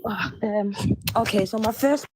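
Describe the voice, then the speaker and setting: A woman's voice: medium pitch, normal speed, noisy background. A woman who works with young people, speaking hesitantly on a group call while her audio keeps glitching and cutting out. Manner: hesitant, starting and restarting. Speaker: youth worker calling into a live audio chat. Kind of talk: casual chat on a group call. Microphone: phone or laptop on a group audio call.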